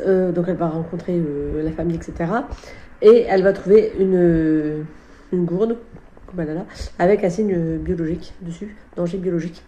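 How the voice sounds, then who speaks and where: A woman talks casually about her current reads in a warm, mellow voice. She is chatty and unhurried, often stopping mid-sentence to find the right word. Her voice carries a noticeable echo from the room. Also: medium pitch, a little hiss or hum. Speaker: book vlogger. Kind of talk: casual chat about books she is reading.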